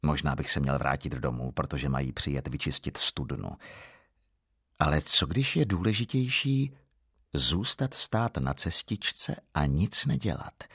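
Deep gravelly man reading deadpan. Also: no room sound. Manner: dry, deadpan, self-ironic. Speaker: author reading his own story. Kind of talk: humorous first-person story reading.

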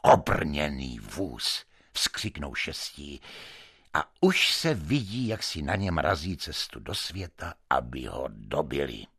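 A man giving an expressive literary reading with dramatic, sweeping intonation. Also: a bass voice, husky. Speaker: reader.

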